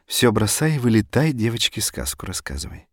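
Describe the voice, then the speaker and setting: A man's voice: lowish voice, big pitch swings, a little fast, no echo, clean studio sound. A man voicing a polite but grudging young wife who grumbles about her plans. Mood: grumbling. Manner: polite, then sulky grumbling. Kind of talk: audiobook character voice.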